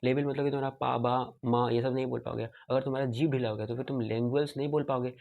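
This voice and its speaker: A man's voice: mid-range voice, fairly even intonation, quick pace, phone-quality sound. A young man teaching medicine in a casual lecture, switching between Hindi and English and sounding out speech patterns himself. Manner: informal, mixes Hindi and English, demonstrates speech patterns aloud; frequent throat clearing. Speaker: medical tutor.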